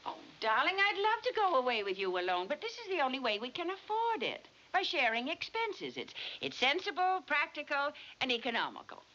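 Fussy, animated middle-aged wife. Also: female voice, high voice, a little fast, hardly any pauses, exaggerated voice. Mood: soothing. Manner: fussy, reasoning, expressive. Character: nagging yet affectionate, practical middle-aged wife and mother. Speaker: actress in a film comedy. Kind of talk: 1960 film comedy acting. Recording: muffled old film soundtrack with hiss.

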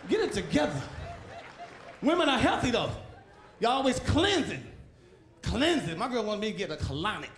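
A man doing a loud, animated stand-up set, acting out characters and shouting sound effects into a handheld mic on a comedy club stage. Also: sits high, normal speed, pauses often. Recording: echoey club recording with crowd laughter and noise. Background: audience laughing.

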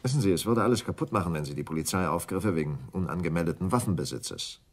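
In a radio crime drama, an actor voices a cool, calculating husband who schemes, and his delivery is controlled and commanding. His voice is male, low and husky, and he speaks fast with lively intonation.

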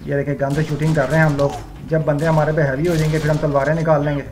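A man's voice: fairly high pitch, flat delivery, rapid-fire. A man hosting a gaming channel, talking viewers through gameplay step by step and leaning on the same filler phrases again and again. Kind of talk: gameplay walkthrough commentary.

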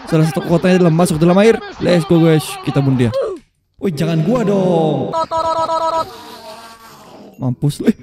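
A young man doing excitable, slangy let's-play commentary, bantering with a teammate and yelping at the game. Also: on the high side, normal speed, long pauses. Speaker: gaming YouTuber.

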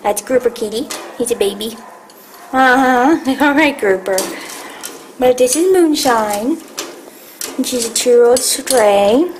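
A woman presenting a shelter cat, chatting casually and slipping into soft baby talk with the animals. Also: a little high, takes it slowly, pauses often, a little hiss or hum, low-quality recording. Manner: chatty, coos and baby-talks to the cats. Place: animal shelter room with cages.

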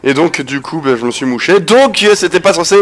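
A man with a head cold commentating a video game casually, swearing, laughing and yelling at the action. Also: a little high, animated, brisk. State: has a cold, stuffy. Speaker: gameplay commentator. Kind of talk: casual let's-play commentary.

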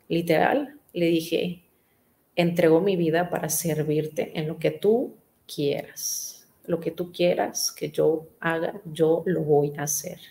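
A woman's voice: low-pitched, a little mellow. A middle-aged woman, a pastor, telling her life story in an earnest conversational way, often repeating herself and asking "right?". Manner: earnest storytelling with frequent "¿verdad?" tags and repetitions. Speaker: pastor and businesswoman, interview guest. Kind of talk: personal testimony in conversation.

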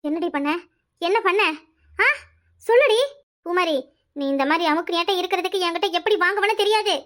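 A scheming, bossy village mother from a cartoon squeals her scolding in a very high, piercing tone, voiced by a woman. She speaks with a Kanyakumari Tamil accent and a rapid, nagging rhythm. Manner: shrill, scolding, fast, rising to yells. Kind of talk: cartoon voice acting.

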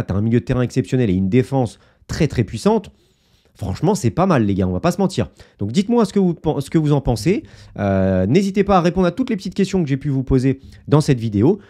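Speaking in a warm, mid-range voice, a man runs a relaxed football analysis video for his viewers. He offers his opinions straight to camera with lots of fillers and asides.

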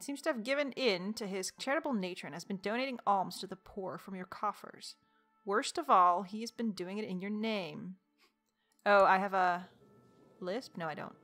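A woman with a mid-range, slightly bright voice plays a strategy game in a let's play, commenting casually. She sounds exasperated but jokes around, talks to the characters, and laughs often.

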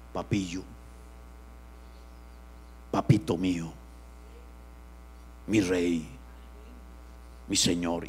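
A man pastor, preaching an animated sermon that swings from loud outbursts to hushed asides. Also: on the high side.

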